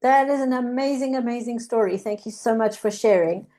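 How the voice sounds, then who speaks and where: A woman's voice: a little high, brisk, warm tone. A woman hosting a presentation, thanking a speaker and calling on the next one in an upbeat, encouraging way. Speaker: presentation host.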